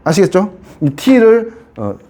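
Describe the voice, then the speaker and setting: A man's voice: sits high, big pitch swings, slow pace, mellow. A man teaching a science class in a chatty lecture style, often checking if students follow and repeating key points. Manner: chatty, keeps asking students to confirm.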